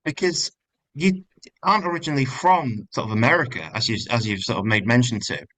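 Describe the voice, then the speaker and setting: A man's voice: medium pitch, lively intonation, brisk, pushed and bright, rough recording. A man hosting an interview, asking friendly, slightly hesitant questions. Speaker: interview host.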